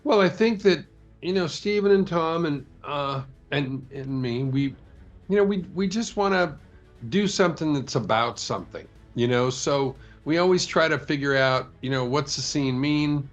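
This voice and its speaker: A male producer answering an interview question in a thoughtful, measured way. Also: fairly high pitch, highs cut off, faint music behind. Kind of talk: press interview.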